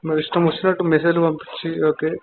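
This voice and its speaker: A man's voice: on the high side, flat delivery, fast talker, background noise. Insistent man arguing on a tinny phone line. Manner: argumentative, insistent, mixing in English. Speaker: borrower on a call. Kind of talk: heated phone argument.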